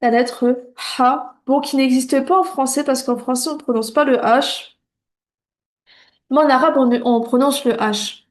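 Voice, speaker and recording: A woman's voice: high-pitched, fairly even intonation. A woman teaching beginners to read, patient and reassuring, sounding out syllables one at a time and checking in often. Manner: patient, repeats syllables slowly and clearly. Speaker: Arabic reading teacher. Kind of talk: beginner lesson.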